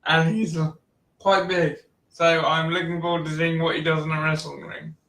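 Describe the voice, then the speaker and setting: A man hosting a casual wrestling chat, relaxed and chatty, laughing often. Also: on the high side, moderate pace. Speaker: podcast host. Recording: roomy echo, distant mic.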